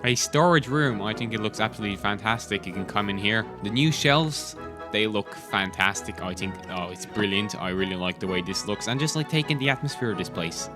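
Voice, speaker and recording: A man's voice: on the low side, lively intonation, brisk, music in the background. A man hosting gameplay commentary, chatty and enthusiastic, talking while chewing gum. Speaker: host.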